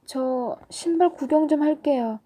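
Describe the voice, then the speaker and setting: A woman voicing a timid, guilty young schoolboy in a storybook reading, speaking in a quiet, earnest child's voice. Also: high voice, unhurried, voice pushed up.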